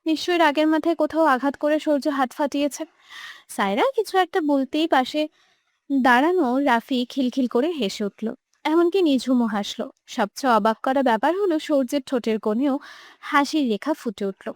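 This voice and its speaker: A woman's voice: sits high, normal speed, dry recording, studio quality. A young woman narrating a romantic audio story with emotive, dramatic delivery. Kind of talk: scripted narration.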